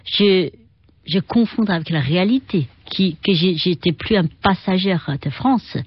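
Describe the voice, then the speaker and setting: A middle-aged woman speaks French with a Chinese accent, in a fairly low voice. She talks haltingly and leans on fillers while she hunts for words. The sound is dry and a bit muffled. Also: husky, no echo. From China. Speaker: guest, Qigong and Tai Chi teacher. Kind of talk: radio interview.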